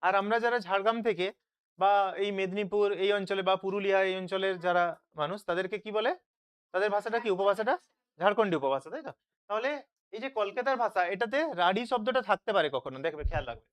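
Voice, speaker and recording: Tutor, online revision lesson, smooth clear voice, asks and then answers. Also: mid-range voice, fast. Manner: asks questions and answers them himself, checks with "তাই তো?". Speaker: teacher. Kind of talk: online live class, question-and-answer revision.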